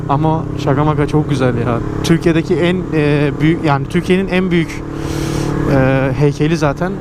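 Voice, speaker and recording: A man's voice: fairly high pitch, a little fast. A man giving casual, slangy, exclamatory commentary as a motorcycle vlogger, speaking from inside his helmet while riding. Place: outdoors, riding a motorcycle through traffic. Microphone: microphone inside a motorcycle helmet. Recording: loud motorcycle and wind noise.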